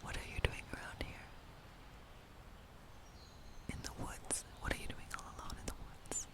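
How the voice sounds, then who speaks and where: Whispering softly, a female ASMR creator becomes a playful, friendly witch who lives alone in a woodland cottage and feels lonely. The breathy voice stays slow and soothing, gentle and coaxing throughout.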